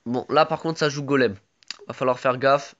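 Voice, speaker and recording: A man's voice: medium pitch, fairly even intonation, moderate pace, a bit bright, dull audio. Chatty gamer man with a sore throat. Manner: chatty, peppered with "tac" and gamer slang. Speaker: gamer commentating his own match. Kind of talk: casual live gameplay commentary.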